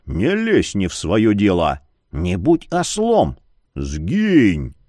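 A man voicing a stubborn young man who speaks low and clipped. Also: huge pitch swings, takes it slowly, a little mellow, no room sound, exaggerated voice. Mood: angry.

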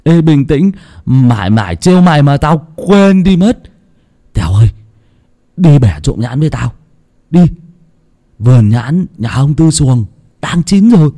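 A man puts on a chubby, loud-mouthed village boy. The voice sits high and jumps around a lot, always bellowing and full of cheek, like a kid yelling from the lane. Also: big pitch swings, measured pace, long pauses. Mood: eager. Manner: shouty, cheeky, laughing.

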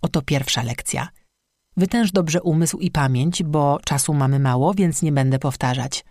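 A fierce star-woman and master smith, commanding and grave, voiced by an audiobook narrator. She speaks firmly, with a note of warning, at a middling pitch. The storybook recording is close and dry. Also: normal speed, a little mellow, no room sound, natural voice. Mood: instructive. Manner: firm, warning tone. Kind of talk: audiobook reading.

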